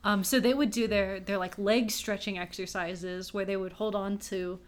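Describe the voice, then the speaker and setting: Here the same kind of speaker, a young Texas woman co-hosting a podcast, talks at a normal pace with a medium pitch and fairly even intonation. The chat is casual, and she keeps it cheerful by teasing herself and laughing a lot.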